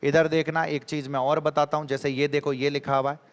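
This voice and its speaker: A man teaching an exam-prep grammar lesson, animated, repeating key phrases and quizzing his students. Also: fairly high pitch, fairly quick, smooth, in a large hall.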